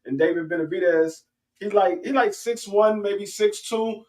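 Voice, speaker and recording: High-voiced man, heard from afar. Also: moderate pace, darkish tone, recorded from a distance, poor audio. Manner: agreeable, repeats himself, stumbles on words. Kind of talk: casual boxing talk.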